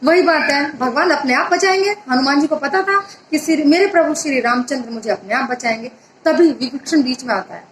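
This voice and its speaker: A woman retelling a religious story in a conversational way, often pausing to correct herself. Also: high voice, fairly bright tone. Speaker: storyteller, motivational speaker. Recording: echoey room with faint noise.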